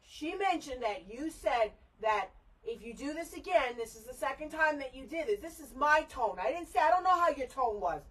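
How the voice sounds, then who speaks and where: A woman's voice: sits high, animated, normal speed, a bit bright, recorded from a distance, poor audio. A middle-aged mother scolding her daughter in a heated family argument, lecturing and repeating herself.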